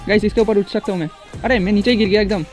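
Young male gaming streamer, very high pitch, hyper and repetitive, soft music underneath. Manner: excitable, repeats words rapidly. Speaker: gaming YouTuber. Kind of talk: casual gameplay commentary.

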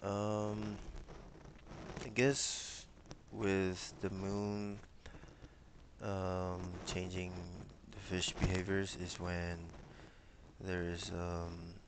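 A young man from Micronesia answering interview questions over a headset on a video call, hesitant and pausing with many fillers. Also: sits low, flat delivery, background noise. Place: small room with bookshelves, indoors.

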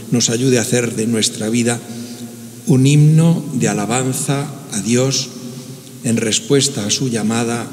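A man with an accent from Spain leads a funeral Mass as priest, preaching and praying in solemn, measured short phrases in a cathedral echo. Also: mid-range voice, darkish tone. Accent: Spanish from Spain. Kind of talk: solemn homily and liturgical prayer. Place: large church, indoors. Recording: cathedral echo, long reverberant church hall.

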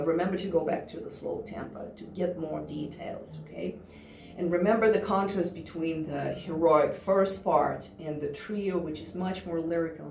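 Her voice fairly low, a woman in her thirties chats her way through a piano lesson, thinking out loud with fillers. The setting is a studio room with a grand piano, picked up by a distant camera mic that sounds roomy and carries slight hiss or hum along with the piano.

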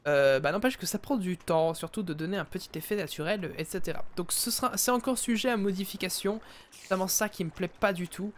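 A man giving live, chatty commentary while playing a game, talking into a headset and often addressing his viewers as ladies and gentlemen. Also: sits high, fairly quick. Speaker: let's play streamer.

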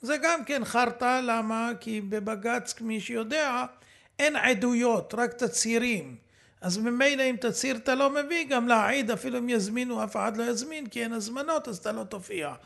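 High, gravelly fiery male rabbi. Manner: fiery, indignant, rising to shouts; halts the recording to comment. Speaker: rabbi giving a lecture. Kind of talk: lecture commenting on a played recording.

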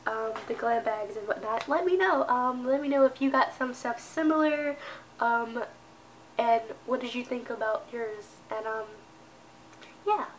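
Young woman vlogging with a stuffy nose, kinda high voice, rambly and giggly, lil bit of background hiss. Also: poor audio. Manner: rambling, halting, many ums and laughs. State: congested, sounds sick. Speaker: beauty vlogger. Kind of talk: casual unboxing vlog.

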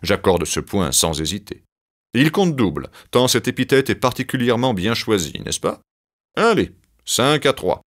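A man's voice: on the low side, very animated, moderate pace, pitched above the performer's own voice. A man doing a gloating, cheating king of the gods. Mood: mocking. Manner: gloating, ironic. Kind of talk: children's audiobook character voice.

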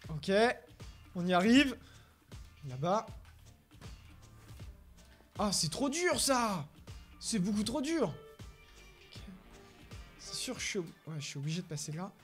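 A gaming YouTuber doing Let's Play commentary, excitable and bursting into shouted frustration when he fails, reading English quiz lines haltingly. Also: mid-range voice, soft background music. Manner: reads English quiz questions haltingly with French pronunciation.

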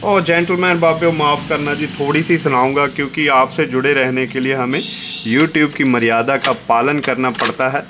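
A man's voice: mid-range voice, flat delivery, moderate pace. A man running an antique shop, giving a casual, joking demo of an old tape recorder. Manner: chatty and jokey, mixing Hindi and English asides; talks softly so someone outside won't hear. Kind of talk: casual product demo vlog. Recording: noisy room recording.

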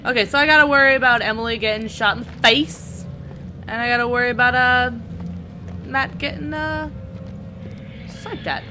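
A woman's voice: on the high side, moderate pace, long pauses, background noise. A young woman doing let's-play commentary, sarcastic, swearing and talking back to the game characters. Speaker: gaming channel host.

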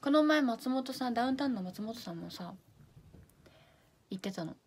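She's an idol livestream host from Fukuoka, Japan, with a slightly high, husky, animated voice at a normal pace. Chatting casually in Hakata dialect, she bubbles through viewer comments and sometimes lowers into soft asides.

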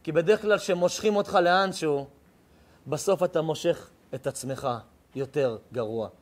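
A man, a rabbi, giving a sermon with emphatic, punchy repetition. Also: fairly high pitch.

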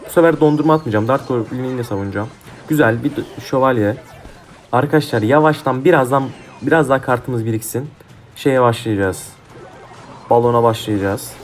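A man's voice: medium pitch, brisk, slight background noise. Foul-mouthed young man gaming commentary. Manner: profane, heated trash talk at opponents. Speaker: gaming YouTuber. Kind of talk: live mobile game commentary. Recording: faint game music behind.

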